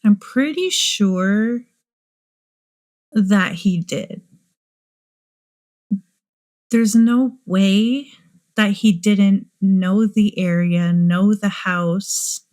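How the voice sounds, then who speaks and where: A woman's voice: medium pitch, drawn-out words, long pauses, darkish tone. A woman hosting a true crime show, musing aloud and asking many rhetorical questions. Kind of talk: speculative true crime commentary.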